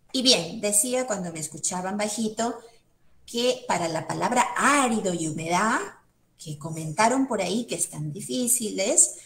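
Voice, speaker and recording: Slow, patient woman in an echoey room. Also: mid-range voice, fairly bright tone. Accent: Peruvian Spanish. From Peru. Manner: slow, patient, thinks aloud step by step. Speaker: museum educator. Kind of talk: online class, guiding a word search.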